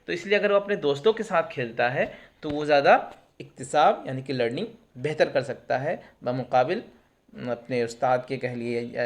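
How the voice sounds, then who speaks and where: A male teacher explains test questions, asking and answering his own questions and glossing terms in English. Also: mid-range voice. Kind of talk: exam prep lesson.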